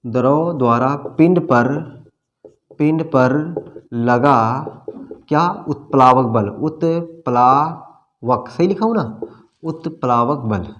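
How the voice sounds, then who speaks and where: A man with a somewhat high voice teaches a physics lesson. He is friendly and colloquial with his students, and he keeps asking questions and answering them himself. He repeats each key term as he writes it down. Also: lo-fi sound. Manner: friendly and colloquial, calls students "bhai" and "babu". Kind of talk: classroom-style lecture at a board.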